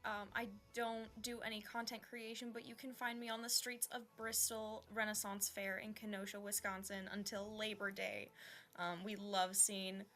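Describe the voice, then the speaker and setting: Flat-voiced shy woman. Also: medium pitch, normal speed. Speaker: player. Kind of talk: casual chat after a game.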